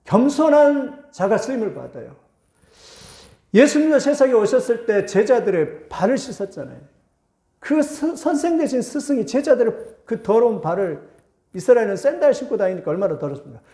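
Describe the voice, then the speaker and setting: High-voiced male pastor preaching in an echoey hall. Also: big pitch swings, dark tone. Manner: preaches with rising bursts and slows down for scripture. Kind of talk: sermon.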